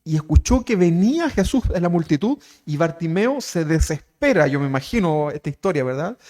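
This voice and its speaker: A man preaching a conversational sermon as pastor, animated and constantly asking his listeners questions. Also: a little high, a little fast.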